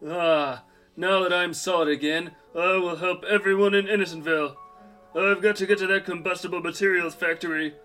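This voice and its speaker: A man doing a dopey blob superhero, high and bright. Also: fairly even intonation, normal speed. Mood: chatty. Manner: earnest, dopey, heroic declarations. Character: goofy blob superhero, shapeshifting, dim and cheerful. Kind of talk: comedic audio drama acting. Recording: music bed underneath.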